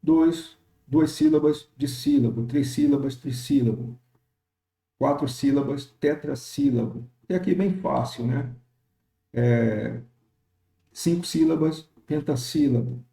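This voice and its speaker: A man with a very dark, mellow voice teaches a recorded lesson. He explains step by step with many pauses and fillers, reading examples slowly. The sound bounces around an echoey room. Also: mid-range voice, vocal fry. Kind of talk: recorded lecture on poetic meter.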